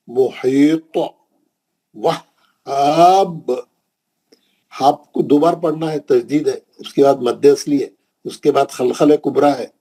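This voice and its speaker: In a classroom lesson on Quran recitation, a man from India with a Hyderabadi Urdu accent teaches patiently, going over points again and checking on his students. He has a mid-range, gravelly voice that is warm and slightly rough.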